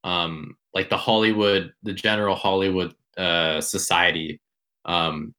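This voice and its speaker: A man's voice: deep voice, steady tone, measured pace, pushed and bright. A man co-hosting a film podcast, talking casually, rambling and correcting himself as he goes. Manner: rambling, self-correcting, unsure. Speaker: podcast co-host.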